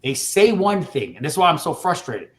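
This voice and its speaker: A man hosts a casual panel discussion, talking quickly and urgently. His voice sits a little high for a man. He speaks with fervor, piling up points and cutting in on others. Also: big pitch swings, fairly bright tone. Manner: passionate, emphatic, interrupts.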